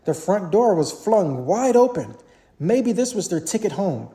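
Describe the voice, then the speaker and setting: With an expressive, bouncing intonation that roams through each line, a parent narrates a kids' story, taking it a touch slowly.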